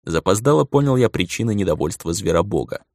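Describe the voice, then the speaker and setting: A man reading a first-person audiobook in a dramatic, expressive way. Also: on the low side, fast talker, no echo, studio quality. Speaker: audiobook narrator.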